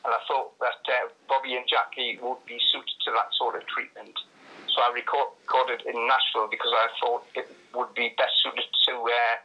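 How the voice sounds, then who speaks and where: A man's voice: medium pitch, sharp tone. An older man from Northumberland with a Northumberland accent, answering interview questions as a radio guest over the telephone. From Northumberland, England. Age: 60s or older. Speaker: radio phone-in guest, songwriter. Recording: tinny, band-limited phone line.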